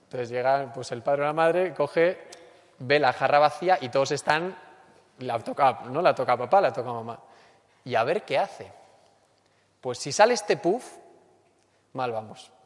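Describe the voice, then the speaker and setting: A man with a Spain Spanish accent giving a lecture and acting out everyday complaints in a lively way. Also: mid-range voice, unhurried, pauses often. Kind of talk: lecture on character education. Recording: long hall reverb.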